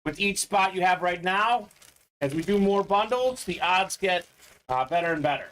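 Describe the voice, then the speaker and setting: A man's voice: high voice, animated, normal speed, a bit bright. A man from Bulgaria hosting a live sports memorabilia break, chatty and upbeat, reading out viewer comments as he goes. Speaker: sports card break host. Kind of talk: live-stream sales patter.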